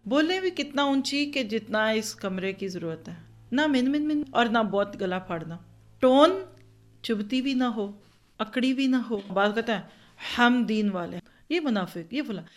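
A woman's voice: fairly high pitch, animated, moderate pace. A woman giving an earnest religious lecture to a class of women. She talks in an instructive way, repeats points for note-taking, and acts out different tones of voice as examples. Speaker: religious teacher.

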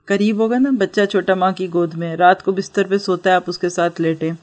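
A woman teacher giving an instructional talk on parenting and religious outreach, explaining gently and asking her listeners rhetorical questions. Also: on the low side, steady tone.

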